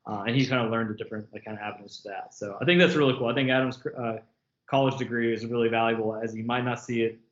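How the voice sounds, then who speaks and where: A man around thirty, chatting as a guest, rambling through filler words and laughing often. His voice sits at an ordinary pitch. It comes through a remote call that sounds echoey and a bit dull. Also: steady tone, quick pace. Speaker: interview guest. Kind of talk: casual interview chat. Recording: echoey, muffled call audio.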